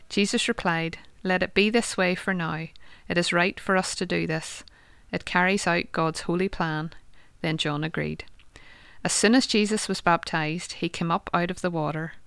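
A woman's voice: fairly low pitch, a bit bright, smooth, dry recording. A woman reading scripture aloud for children as a guest reader.

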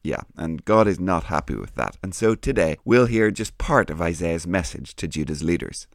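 A man's voice: sits low, lively intonation, normal speed, creaky, no echo, studio quality. A man hosting a scripted educational Bible show, explaining things in an encouraging way. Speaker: host.

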